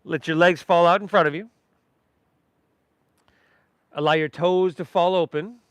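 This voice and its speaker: A man's voice: sits high, fairly even intonation, measured pace, clean tone, dry recording. A man teaching a guided yoga class, giving breath and movement cues in an encouraging, easygoing, informal way. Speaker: yoga instructor.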